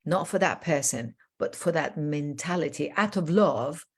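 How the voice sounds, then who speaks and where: An older woman originally from Iran hosting an interview as a coach, talking warmly and effusively, rambling with many fillers. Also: sits low, lively intonation, moderate pace, husky. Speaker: host, transformational coach. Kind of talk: casual interview chat.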